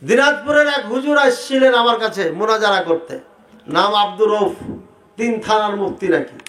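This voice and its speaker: A man preaching to a crowd, animated and rhetorical, asking the audience questions directly. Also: high voice, a little fast. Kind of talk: sermon debating prayer practice. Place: large hall with audience. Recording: echoey hall sound.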